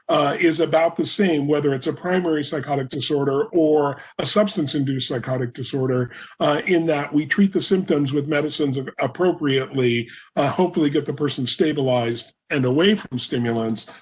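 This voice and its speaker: A man's fairly high voice comes through a computer microphone as he presents a remote webinar lecture. He explains at a measured pace, hoarse and coughing now and then, with frequent fillers.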